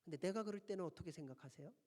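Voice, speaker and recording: A high-pitched male pastor delivers an earnest sermon, pressing his listeners with direct questions. His voice rings through a church sanctuary with a long reverb trailing each phrase. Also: lively intonation, rapid-fire, darkish tone. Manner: earnest, pleading preacher who asks the congregation direct questions.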